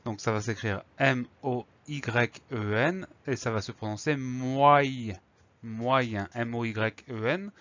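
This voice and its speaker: A man's voice: mid-range voice, fairly bright tone, no echo. Guy teaching spelling to kids, spells it all out letter by letter, dry kinda muffled recording. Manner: slow, clear, spells words letter by letter. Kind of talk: spelling lesson for children.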